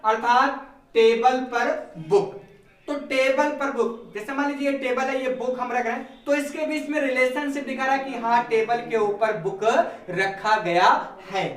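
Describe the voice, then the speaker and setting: A male teacher giving a grammar lesson, asking questions and answering them himself, repeating key terms slowly. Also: extremely high pitch, fairly even intonation, fairly bright tone. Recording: echoey room, mic far off.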